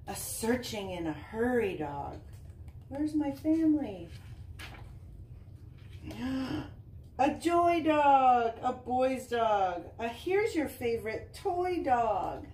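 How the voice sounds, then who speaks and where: Reading a picture book to kids in her living room, this volunteer uses a slow, sing-song storytime voice at a middle pitch and breaks off for friendly chats with her listeners. A camera placed a little way from her captures roomy, far-off audio with a light noise floor.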